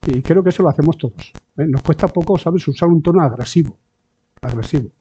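A man's voice: on the high side, fast, dark tone, slightly rough. Man preaching in a conversational sermon. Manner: conversational preaching with frequent tag questions; acts out quoted voices. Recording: dull lo-fi sound.

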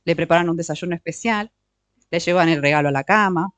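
A middle-aged woman teaching a workshop on marriage and emotions, often checking in with her listeners with short questions and slowing down on key words. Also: fairly low pitch, no room sound. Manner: slows down to stress key words. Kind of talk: teaching talk with audience interaction.

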